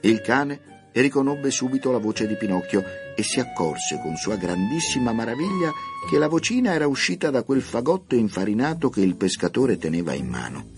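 A man narrating a story for radio with an expressive, theatrical reading. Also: medium pitch, normal speed, over music.

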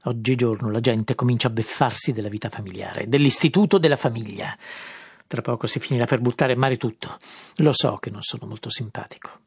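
A man reads out a blustering husband, sarcastic and moralizing. The voice is gravelly and husky, raised in indignation. It sounds close and dry. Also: mid-range voice, fairly quick, no room sound. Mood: indignant. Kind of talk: audiobook reading.

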